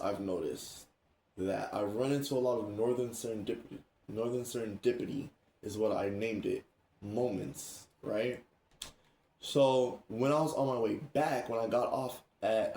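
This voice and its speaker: A man hosting a casual chat, telling stories in an animated way, laughing and acting out what others said. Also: lowish voice, a little hiss or hum. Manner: animated, laughing, acts out quoted speech. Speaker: streamer and host. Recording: roomy echo.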